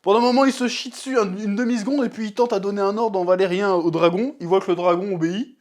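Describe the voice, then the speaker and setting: A TV series reviewer, a young man with a high voice, gives a casual review of an episode in loose, slangy language. He's animated and keeps dropping into quick acted voices to replay scenes.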